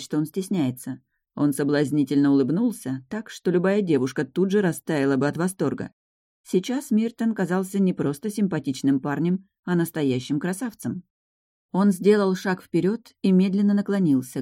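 Low-voiced woman narrating an audiobook. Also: dark tone. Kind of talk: first-person fantasy audiobook narration.

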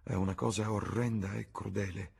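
Dorian Gray, read by a man, bitter and hushed. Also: on the low side, level tone, normal speed, creaky, husky, full character voice. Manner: bitter, sighing. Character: troubled young gentleman, bitter and uneasy.

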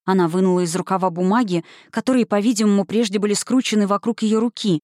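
Woman audiobook reader, measured and even, dry, close studio sound. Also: mid-range voice, dry recording. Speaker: audiobook narrator. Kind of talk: scripted narration.

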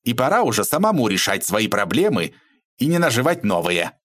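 A man voicing an irritable middle-aged shop owner who snaps and shouts when pushed. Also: medium pitch, sing-song, a little fast. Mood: firm. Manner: exasperated, shouting.

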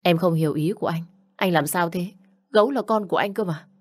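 A woman's voice: fairly low pitch, a little fast, darkish tone, close to an everyday voice. A woman reading a story, voicing a frightened young wife who pleads and apologizes to her husband. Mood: pleading.

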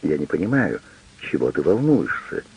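A man's voice: rumbling low, very animated, moderate pace, breathy edge, pitched below the performer's own voice, heavily acted, poor audio. A man doing a stubborn, defensive captain. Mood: pleading. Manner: sulky, then threatening.

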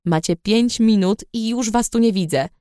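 A woman's voice: fairly high pitch, normal speed, mellow, no room sound, studio quality, close to an everyday voice. A woman voicing a cheeky, playful young female alchemist who teases and laughs, in an audiobook reading. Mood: teasing. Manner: teasing, laughing. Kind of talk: audiobook character voice.

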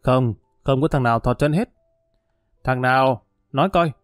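A man's voice: medium pitch, moderate pace, no echo, clean studio sound, faint music behind, natural voice. A man voicing a curt, menacing male gang leader. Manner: gruff, threatening.

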